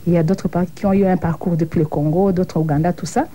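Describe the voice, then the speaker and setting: A middle-aged woman from Burundi, co-founder of an association, appears as a guest in a reflective broadcast interview. She speaks fast in a lowish, mellow voice with a steady tone, giving an earnest, thoughtful account over a little hiss or hum.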